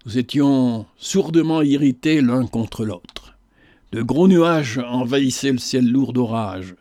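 A man reading a literary novel aloud in the first person, in a measured, unhurried manner. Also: mid-range voice, animated, mellow, no room sound, clean studio sound. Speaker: narrator.

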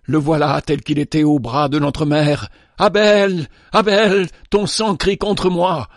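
Cast: a man playing a haunted old wanderer, anguished and declaiming, raised pitch, storybook reading, dry sound. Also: flat delivery, moderate pace, darkish tone, no room sound. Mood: frantic. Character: cursed old male vagabond, tormented and haunted.

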